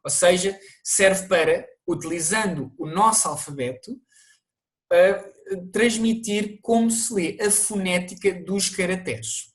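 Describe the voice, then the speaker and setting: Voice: mid-range voice, slow. European Portuguese teacher explaining a lesson. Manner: explanatory, addressing viewers, occasional restarts. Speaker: language teacher. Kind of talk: recorded online lesson narration.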